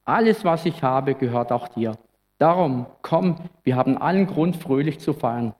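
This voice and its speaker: This is a tender father pleading with his son, read out by a preacher. He talks in a soft, coaxing voice at a middle pitch. A long reverb hangs behind him. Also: animated, moderate pace, lightly acted. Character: gentle pleading father, older man.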